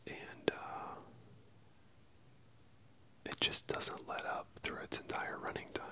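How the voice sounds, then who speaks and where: A close-up ASMR whisper, bright and airy, moves from ear to ear. The speaker chats casually about films in an unhurried, hesitant way, pausing between phrases. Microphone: close stereo microphone, ear-to-ear panning.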